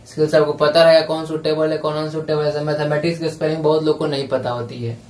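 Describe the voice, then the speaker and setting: A male exam prep teacher explaining a lesson, reading English lines slowly and spelling words letter by letter. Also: fairly high pitch, a little mellow. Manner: reads English passage slowly, drawn out. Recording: echoey room, voice from a distance.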